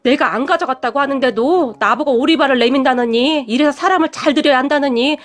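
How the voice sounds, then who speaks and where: A woman's voice: high-pitched, fast talker, lightly acted. A woman voicing a weary, proud middle-aged mother who works as a housekeeper, talking in a stubborn, sighing way. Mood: indignant.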